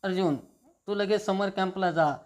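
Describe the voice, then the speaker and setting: The narrator reading the lines of a caring female officer who gently persuades her friend. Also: mid-range voice, moderate pace, lightly acted. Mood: coaxing.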